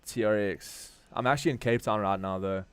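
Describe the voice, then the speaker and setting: A man's voice: on the low side, fairly quick, fairly bright tone, clean tone, no echo. A man with a South African accent giving casual live market commentary as a stream host, informal and slangy as he thinks aloud. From Durban, South Africa. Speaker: crypto trading livestream host.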